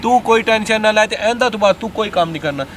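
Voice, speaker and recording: A man plays a husband in a homemade village drama. His voice sits high and his words come quickly. Outdoor noise runs faintly behind him. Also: a bit bright. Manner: angry ranting, then pleading and apologetic. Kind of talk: amateur web drama acting.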